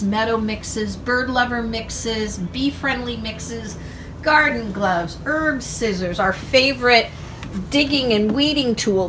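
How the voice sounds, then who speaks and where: A woman's voice: fairly high pitch, noisy background. An older woman who owns a farm gift shop, walking through it and cheerfully describing what is on the shelves in a casual tour. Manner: upbeat, enthusiastic, listing items. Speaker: shop owner giving a tour. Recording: roomy shop with music behind.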